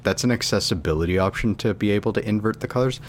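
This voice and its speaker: A man with a very deep, low voice talks casually about video games, walking his co-host through settings one step at a time. He swears offhandedly. A faint hum of room noise sits under him. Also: quick pace. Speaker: podcast co-host.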